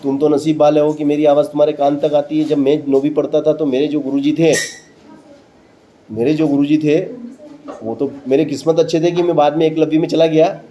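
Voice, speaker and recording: A man's voice: fairly high pitch, flat delivery, a little fast, dark tone, lo-fi sound, a little hiss or hum. A man teaching a maths lesson to a classroom of students, repeating each step and quizzing them with questions. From central India.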